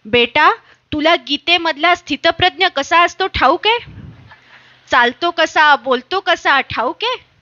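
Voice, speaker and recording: A woman's voice: extremely high pitch, lively intonation, measured pace, sharp tone, lo-fi sound, heavily acted. A woman reading the part of a playful old grandfather who teases in rhymes. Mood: gentle. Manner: teasing, joking.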